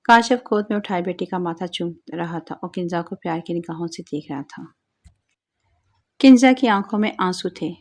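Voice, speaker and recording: A woman narrating an audio story with a moralizing, plain storytelling manner. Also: lowish voice.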